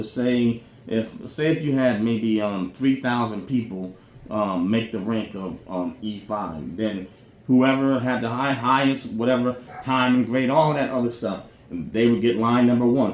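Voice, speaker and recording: Unhurried and a little mellow, a medium-pitched podcast host explains military careers in a rambling, colloquial, off-the-cuff monologue, checking in often with "you know what I'm saying." The room echoes and there's faint background noise.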